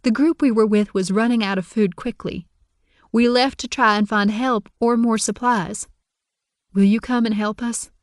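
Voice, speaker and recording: A woman's voice: a little high, fairly even intonation, normal speed, no echo, clean studio sound, close to an everyday voice. A woman voicing a polite young Southern belle wife with a Southern US accent in an audiobook. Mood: earnest. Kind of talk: audiobook character reading.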